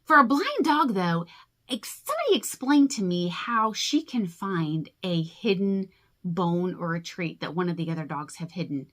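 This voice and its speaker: A woman's voice: on the low side, sing-song, moderate pace, fairly bright tone. A woman in her forties talking casually to camera about her family and pets, chatty and rambling with a self-deprecating humor. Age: 40s. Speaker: crafting vlogger.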